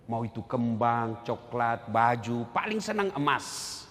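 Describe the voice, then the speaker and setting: A man's voice: unhurried, background noise. A middle-aged man preaching a humorous sermon to a hall audience, joking and acting out quotes with big swings in his voice. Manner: lively, jokey, acts out quotes with big pitch swings. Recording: echoey hall, faint ambience.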